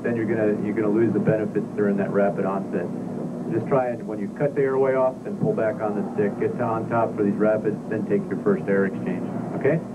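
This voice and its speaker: A man's voice: fairly low pitch, flat delivery, fast. Male instructor on a very noisy tinny intercom. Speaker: centrifuge training instructor. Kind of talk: technical coaching and critique.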